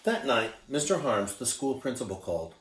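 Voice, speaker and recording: A man, a teacher, reading a children's picture book aloud expressively and pausing to show the pictures. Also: medium pitch. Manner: expressive, showing pictures as he reads. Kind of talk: children's read-aloud narration. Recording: roomy, distant mic.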